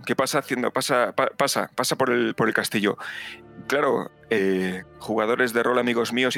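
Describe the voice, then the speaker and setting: A man tells a game story in a casual podcast. His voice is bright and forceful, and he keeps acting out little asides. Faint music runs underneath. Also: mid-range voice. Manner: animated storytelling with acted asides. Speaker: podcast host. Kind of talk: casual chat.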